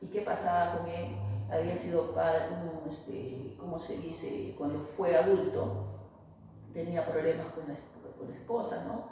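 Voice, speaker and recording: Woman therapist, halting and filler-heavy, warm tone, distant mic with light hiss. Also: on the low side, steady tone. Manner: hesitant, many fillers and restarts. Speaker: family therapist. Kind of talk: interview, explaining to an interviewer. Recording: echoey room, voice far from mic, faint noise.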